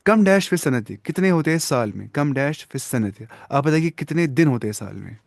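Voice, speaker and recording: A man's voice: fairly high pitch, lively intonation, creaky, dry recording, studio quality. A man teaching an Arabic lesson, patiently quizzing his students and praising their answers, with English words mixed into his explanations. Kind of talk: classroom-style language lesson.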